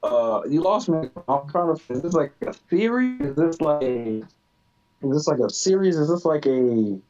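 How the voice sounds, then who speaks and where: A man on a remote call whose audio keeps breaking up, asking slow, halting, confused questions in casual chat. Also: fairly high pitch, expressive, darkish tone, dull audio. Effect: choppy online call audio breaking up. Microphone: remote online call.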